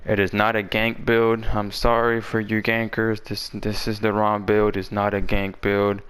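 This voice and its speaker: A man's voice: fairly low pitch, completely flat delivery, measured pace, fairly bright tone, clean tone. A man talking casually and in slang as he presents a game build guide, his voice a little parched from being sick. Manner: informal, slangy talk.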